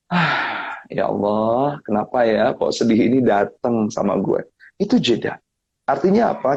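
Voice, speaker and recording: A man talking casually as a guest on a family live stream, telling animated stories and acting out other people's lines with big jumps in his voice. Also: medium pitch, husky, lo-fi sound. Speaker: guest speaker on family topics. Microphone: live-stream mic.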